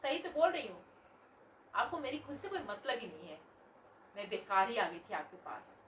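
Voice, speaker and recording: A woman's voice: medium pitch, big pitch swings, moderate pace, a little hiss or hum, close to an everyday voice. A woman playing a selfish young married daughter who whines and argues back at her mother in a home family drama. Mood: petulant defiant. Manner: petulant, whining, dismissive. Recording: roomy echo, voice from a distance.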